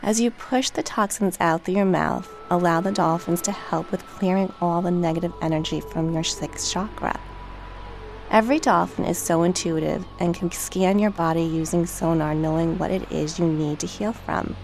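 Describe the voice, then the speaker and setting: A woman narrating a guided meditation in a calm, gentle, measured and soothing way. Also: fairly low pitch, vocal fry, a little hiss or hum. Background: relaxation track with music, dolphin and water sounds.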